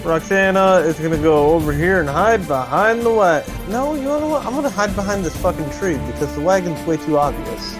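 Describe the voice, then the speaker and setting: A man's voice: high-pitched, animated, fairly quick, hardly any pauses. A man talking casually, with some swearing, as a player in a tabletop game. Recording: music playing behind the voice.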